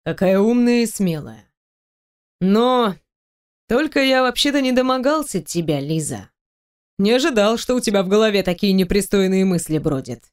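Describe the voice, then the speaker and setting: A woman voicing a teasing, domineering male boss in an audiobook, speaking low, slow and mocking. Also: animated, smooth, close to an everyday voice.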